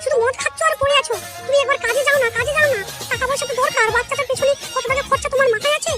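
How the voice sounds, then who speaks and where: A performer doing a shrill scolding village wife. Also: fairly even intonation, very fast, loud music behind the voice. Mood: nagging. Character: sharp-tongued village wife, woman. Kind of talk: cartoon voice acting.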